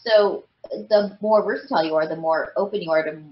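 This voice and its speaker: This guest, a voice actress in her thirties, talks a little fast with a fairly low pitch. Her casual interview chat is full of "like" and "you know," recorded as roomy, slightly dull podcast audio.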